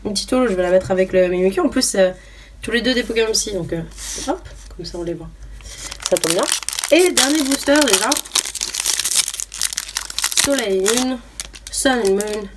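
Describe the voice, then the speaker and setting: A young woman chatting casually as she opens trading cards, hesitant with lots of fillers, reading each card name aloud. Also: medium pitch. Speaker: YouTuber opening trading cards. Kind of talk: casual unboxing chat. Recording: voice a bit far from the mic, faint noise.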